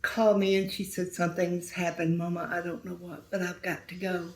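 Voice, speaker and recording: A middle-aged woman telling a painful story as an interview guest, speaking softly and sometimes near a whisper. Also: on the low side, flat delivery, a little fast. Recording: roomy echo.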